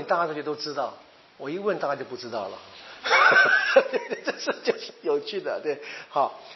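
A man's voice: on the high side, lo-fi sound. A man giving a Bible study lecture, explaining verses and often asking his listeners questions. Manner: explanatory, asks the audience questions.

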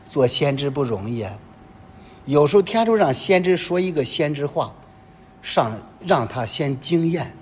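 Man preaching with lively pitch. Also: a little slow, husky. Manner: animated preaching full of rhetorical questions. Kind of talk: sermon. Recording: long reverb with faint low rumble.

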